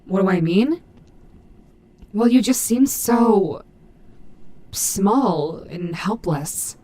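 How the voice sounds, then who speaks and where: A woman voicing a gruff but maternal animatronic wolf in an audio roleplay, fiercely protective, with halting, earnest, emphatic delivery. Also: medium pitch, expressive, mellow. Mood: awkward, softened. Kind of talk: dramatic audio roleplay addressed to the listener.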